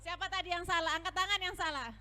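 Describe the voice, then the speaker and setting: High-voiced bright woman trainer. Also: steady tone, fast. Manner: upbeat, coaxes the group to repeat aloud. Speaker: front office trainer. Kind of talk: lively training session.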